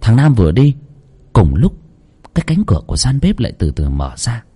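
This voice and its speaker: A man's voice: medium pitch, wildly swooping pitch, brisk, mellow, breathy edge. A man narrating a ghost story with a dramatic, tense delivery.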